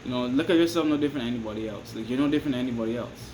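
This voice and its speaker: In a rough recording with steady hiss and air-conditioner hum, a Barbadian vlogger talks very fast at a middling pitch, offering casual advice to camera. His delivery is loose and rambling, full of restarts and repeated "you understand me?" check-ins.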